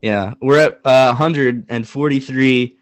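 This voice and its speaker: A young man co-hosting a casual sports podcast, talking in an animated, joking way and hammering points with repetition. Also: medium pitch, slow, no echo. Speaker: podcast co-host.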